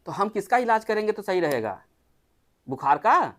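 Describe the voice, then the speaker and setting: Doctor, mid-pitched, casual group health talk, keeps firing rhetorical questions. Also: big pitch swings, normal speed. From Uttar Pradesh, India. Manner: chatty, asks the listeners many rhetorical questions.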